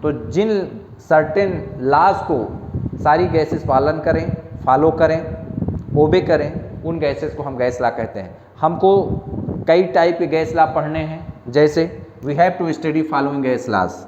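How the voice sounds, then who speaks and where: A male chemistry teacher works through his lecture at a very slow, deliberate pace, repeating key phrases and spelling terms letter by letter as his students write. His voice rings out in a reverberant hall, with a muffled, dull sound and clear background noise. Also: on the high side. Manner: slow, repetitive dictation, spelling words out letter by letter, mixing Hindi and English. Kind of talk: classroom lecture, dictating notes.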